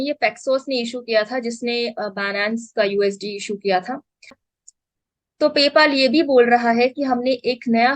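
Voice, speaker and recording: A woman's voice: high voice, no echo. A woman presenting crypto news in a casual explainer style, talking through each story with frequent fillers and restarts.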